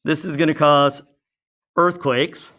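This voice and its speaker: Male teacher, bright tense tone, slightly high voice, casual lesson, talks while drawing. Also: fairly even intonation, takes it slowly. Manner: chatty, asks students questions, talks to himself while drawing. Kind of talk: classroom science lesson, drawing while explaining.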